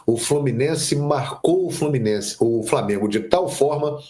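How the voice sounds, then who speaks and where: A man's voice: medium pitch, a little slow. A man giving opinionated football commentary on a sports show, with a nagging cough. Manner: opinionated, animated delivery.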